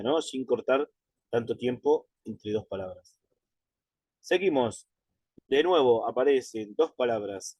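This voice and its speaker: A man teaching Quran recitation in an online lesson, patient and methodical, checking in with his students and slowing right down to model drawn-out pronunciations. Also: mid-range voice, darkish tone, husky, no room sound.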